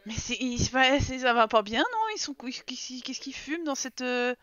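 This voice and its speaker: High, bright chatty woman streamer. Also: moderate pace. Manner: chatty, laughing, reacts aloud to the game. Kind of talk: live game commentary. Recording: dry, slightly dull sound.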